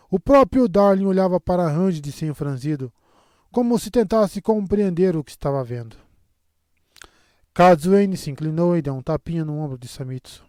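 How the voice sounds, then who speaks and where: A man with a Brazilian Portuguese accent reading an audiobook in a steady, measured way. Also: on the high side, dry recording, clean studio sound. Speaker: audiobook narrator. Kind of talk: audiobook narration.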